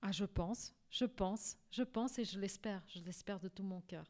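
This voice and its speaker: A middle-aged woman from Portugal, recounting her life in a halting interview with many fillers and restarts. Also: mid-range voice, dark tone. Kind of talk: personal life story interview.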